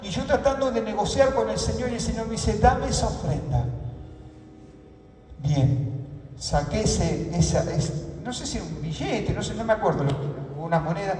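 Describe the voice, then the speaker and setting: A middle-aged Argentine man preaching a sermon, telling a personal story and building to shouted fervor. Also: sits high, animated, normal speed, slight background noise. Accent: Argentine Spanish. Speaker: pastor. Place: church hall. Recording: echoey hall, distant mic, music behind.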